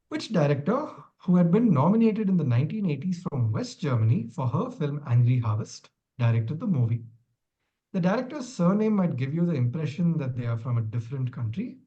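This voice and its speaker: A man's voice: medium pitch, mellow, dull audio. A man acting as quizmaster, reading long questions and adding dry, wry asides.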